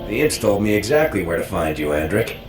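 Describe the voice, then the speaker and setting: An actor playing a steadfast, dutiful military lieutenant in a video game, firm and matter-of-fact. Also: male voice, low voice, very animated, a little fast. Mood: firm, resolute. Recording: roomy echo, faint music.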